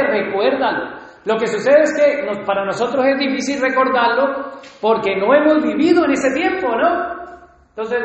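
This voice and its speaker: A man preaching a sermon, often putting rhetorical questions to his congregation. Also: high voice. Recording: echoey hall, dull lo-fi sound.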